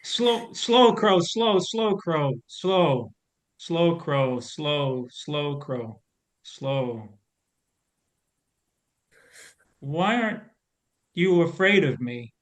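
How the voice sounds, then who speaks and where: Scarecrow: weary, gentle guardian, slow and measured, somewhat high, voiced by a man. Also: lively intonation. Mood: soothing. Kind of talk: audio drama reading.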